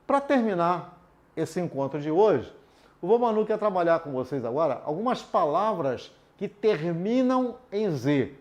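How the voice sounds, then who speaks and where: At a board, a man with a high-sitting, slightly mellow voice and big pitch swings teaches an adult literacy lesson. He explains slowly and patiently, checking in with the class using phrases like "tudo bem?".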